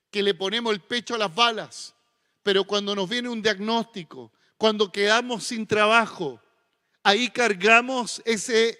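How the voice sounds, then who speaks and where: Chilean male pastor, high voice, church reverb, folksy then earnest sermon. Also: bright, forceful tone. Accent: Chilean Spanish. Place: church sanctuary. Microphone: stage microphone with monitor.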